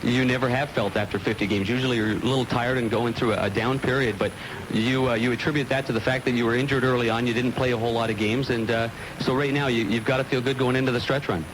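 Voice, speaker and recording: A man's voice: mid-range voice, fairly even intonation, quick pace. A man conducting a live postgame sports interview as the broadcast interviewer. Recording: noisy broadcast audio.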